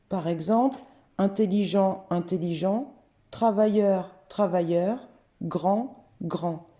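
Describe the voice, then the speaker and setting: Slow, mellow-voiced woman teaching grammar. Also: medium pitch. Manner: slow, careful, clearly spelled-out word examples. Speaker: French teacher. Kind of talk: scripted lesson narration.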